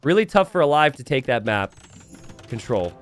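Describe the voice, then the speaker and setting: A man giving live, casual and joking video game commentary to a stream, prone to excitable, repeated exclamations. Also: medium pitch, normal speed. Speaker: esports commentator. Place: indoors at a computer.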